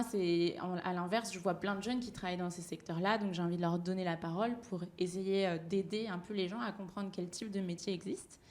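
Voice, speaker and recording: A young woman in her twenties speaks live to an audience from a panel, telling her path with frequent fillers and restarts. Her voice sits at a middle pitch, and her way of talking is hesitant. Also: a little mellow. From France. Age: 20s.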